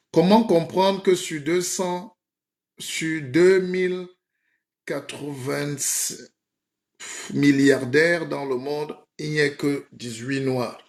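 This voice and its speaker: A man playing a comic spiritual guide in a mock sermon on a live stream, playful and rhetorical, often asking his listeners "hein?". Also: fairly high pitch. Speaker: comedic self-styled spiritual guide.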